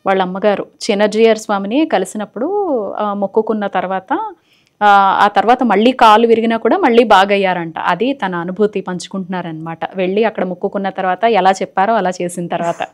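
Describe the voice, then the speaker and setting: A woman hosting a live TV call-in show, briskly instructing callers and summing up what they say. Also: medium pitch. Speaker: host.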